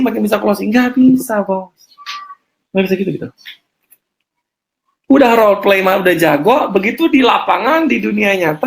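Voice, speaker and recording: A man leading an online sales coaching session, lively and emphatic, often asking the audience rhetorical questions. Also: high voice.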